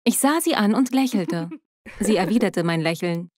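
A woman narrating her own story in the first person in a steady, scripted storytelling manner. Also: mid-range voice, normal speed, dry recording.

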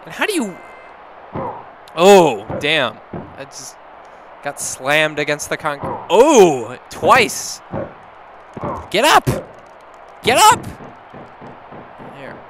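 Drunk man yelling at a game. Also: a little high, big pitch swings, slow pace, pauses often, background noise. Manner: profane, rowdy, laughing, shouting at the game. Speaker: gameplay commentator. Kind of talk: drunk let's-play commentary. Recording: game music behind the voice. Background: video game music.

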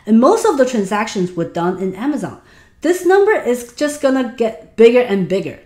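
A woman's voice: a little high, very animated, normal speed, mellow, echoey room. A woman in her thirties from Taiwan, speaking with a Mandarin accent, presents a webinar and asks her audience questions directly. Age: 30s. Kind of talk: online business webinar.

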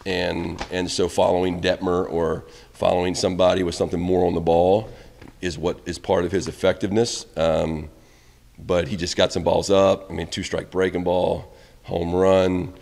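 A man's voice: sits low, flat delivery, normal speed, vocal fry, in a large hall. A middle-aged man, a college baseball head coach, answering questions candidly at a postgame press conference, recorded on reporters' mics in a press room. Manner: candid, rambling, trails off quietly at ends of answers. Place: press room in front of a backdrop. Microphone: reporters' phones and handheld mics held close.

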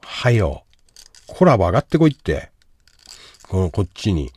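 A man hosting a livestream, reading out a viewer's love troubles and impatiently insulting him to join the call, dropping to mutters and then bursting into shouts. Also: low voice, big pitch swings, normal speed, breathy edge. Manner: brash, insulting, impatient, swinging from mumbles to shouts. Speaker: livestream host giving advice. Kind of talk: livestream chat reading comments.

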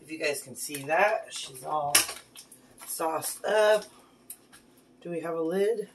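Cooking alongside her daughter at home, a mom in her thirties talks slowly in a deep voice, frequently praising the girl in this casual cooking vlog. The recording, from a phone camera on the counter, is very noisy, with dishes and pans clattering clearly.

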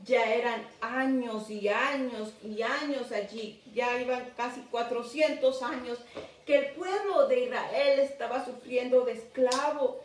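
A woman's voice: on the high side, steady tone, unhurried, a little hiss or hum. A woman telling a Bible story to children as their teacher, asking them questions as she goes. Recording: echoey room, mic far off.

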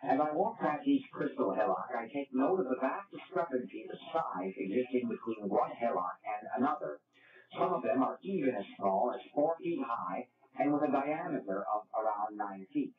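A man reads aloud from his own fantasy book in earnest, formal wording. His mid-pitched voice comes from far off the mic. The sound is thin and phone-like in an echoing room. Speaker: author reading his book. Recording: distant tinny phone-like sound, echoey, crowd behind.

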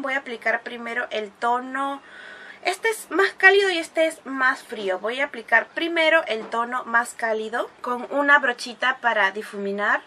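A woman's voice: on the high side, sharp tone, a little hiss or hum. A woman talking through a makeup tutorial, chatty and explaining each step as she goes, with bursts of gushing praise for the products. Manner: gushing exclamations over products. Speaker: beauty vlogger.

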